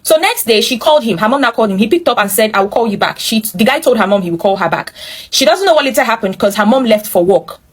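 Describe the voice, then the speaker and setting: This Nigerian-accented woman talks quickly in an expressive, slightly rough voice pitched on the high side. She hosts the segment, reading out a viewer's story with lively storytelling and strong opinions. Every so often she cuts in to comment straight to the audience.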